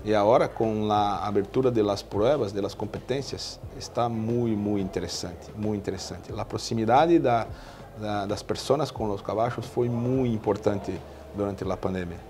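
A man with a Brazilian Portuguese accent answers an interviewer, his Spanish halting and full of fillers and restarts. His voice sits low and dark, recorded close on a lapel mic. A faint hum of ambience runs under him. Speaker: veterinarian in equine nutrition. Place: indoor exhibition stand.

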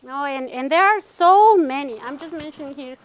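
A woman's voice: sits high, animated, unhurried. A middle-aged Mexican woman with a Mexican Spanish accent, giving an academic workshop talk, switching between Spanish and English and often tagging her sentences with a question. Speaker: workshop presenter.

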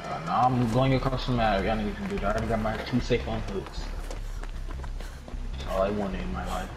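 A man chatting casually while playing a video game, reacting live with profane slang and excited repetition. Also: fairly low pitch, a little fast, over music.

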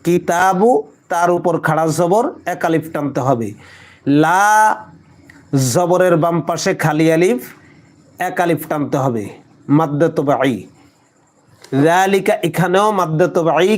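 A man teaching Quran recitation, who chants verses slowly and drawn out, then explains pronunciation briskly. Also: fairly high pitch, darkish tone.

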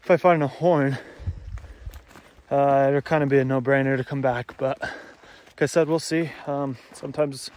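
Speaking at normal speed in a steady, medium-pitched, slightly mellow voice, a young shed-hunting vlogger talks to his phone camera held close. He rambles casually with lots of fillers while outdoors in open scrubland.

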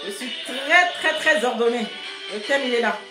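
A high-pitched woman runs a casual live stream, greeting viewers and scolding them in a bossy, teasing way. Her voice rings in an echoey room while loud music plays under her talk. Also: normal speed.

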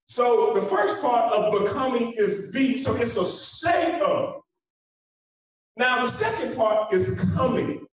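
Pacing across a conference stage, a man in his forties gives a motivational keynote in a very high-pitched voice, driving points home through repetition, emphasis and dramatic pauses. The audio, captured from his handheld mic by a faraway camera, sounds dull with hall echo.

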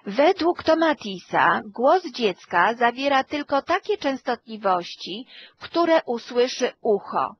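A woman, a hearing and speech therapist, explaining calmly and at length, with some fillers as she goes. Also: a little high, husky, dull audio. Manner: slow, measured explanation with fillers. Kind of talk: expert talk to camera.

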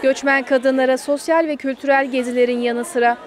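Woman doing news voiceover, high voice, people chattering underneath. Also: little pitch movement, fairly quick. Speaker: news narrator. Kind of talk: scripted news narration. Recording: crowd chatter under voice-over. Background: room chatter.

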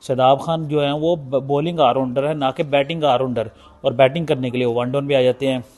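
A man's voice: mid-range voice, fairly even intonation, fairly quick, darkish tone. A man hosts a cricket post-match analysis. He speaks seated indoors to a close phone camera, making critical, emphatic points and repeating them for effect. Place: indoor room, seated on a sofa.

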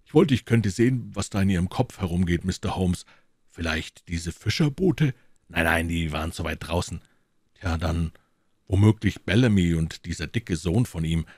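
A man's voice: low voice, expressive, moderate pace, darkish tone, no echo, studio quality. A man voicing a doubtful, eager police inspector in an audiobook, questioning and pressing. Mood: prying.

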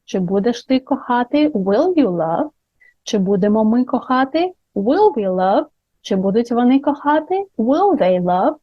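A woman teaching English grammar to Ukrainian speakers, slowly modelling each English example. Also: on the high side, big pitch swings, no echo, dull audio.

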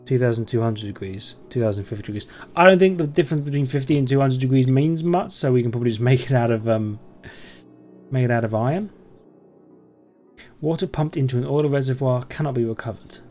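A man's voice: mid-range voice, fairly quick, a little mellow, faint music behind. A man doing gameplay commentary, thinking aloud in a rambling way and asking himself questions. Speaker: game streamer, let's play host.

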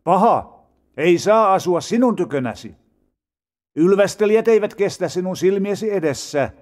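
A man reading psalms aloud in a solemn, measured way with dramatic rises and falls. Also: high voice, lively intonation, a little mellow. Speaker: Bible reader. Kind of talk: scripted scripture reading.

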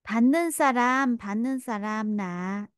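Woman language teacher walking students through a dialogue, chatty and repetitive, clear resonant tone. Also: fairly high pitch, very fast, no room sound, clean studio sound. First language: Vietnamese. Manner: chatty, many fillers, repeats Korean phrases. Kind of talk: explaining a listening exercise.

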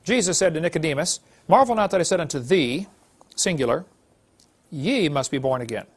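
A man's voice: fairly high pitch, expressive, a little fast, slightly rough. Man explaining a point step by step. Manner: explains step by step, checks in with "okay". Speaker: Bible teacher. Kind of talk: explanatory teaching talk.

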